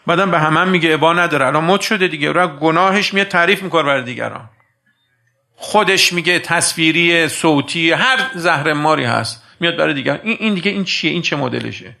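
A man preaching a sermon, telling a story and addressing his listeners as dear friends, swinging between hushed and emphatic delivery. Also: on the high side, creaky.

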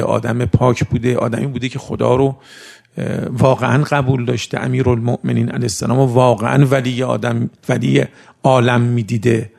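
A man giving a conversational sermon who recites Arabic sayings slowly and then explains them in everyday speech. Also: mid-range voice, gravelly, a little mellow. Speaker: cleric giving a religious talk.

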